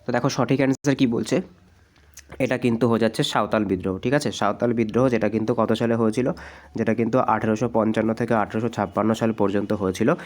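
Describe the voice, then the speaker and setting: A man with a hoarse voice from a cold, teaching an exam practice lesson and explaining answers step by step. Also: on the low side, fairly even intonation, quick pace, darkish tone. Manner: explanatory, repeats "ঠিক আছে?" often.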